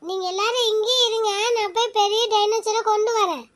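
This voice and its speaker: A woman's voice: very high-pitched, fairly even intonation, fairly bright tone. Chirpy bossy little girl. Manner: chirpy, indignant, quick to argue. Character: bossy older girl, protective big sister. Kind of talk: cartoon voice acting.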